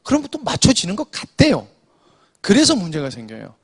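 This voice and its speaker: A man's voice: sits high, huge pitch swings, brisk, husky. A man preaching an afternoon church sermon, explaining scripture to the congregation and often restarting with "so" to move on. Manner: explanatory, addresses congregation with frequent "자".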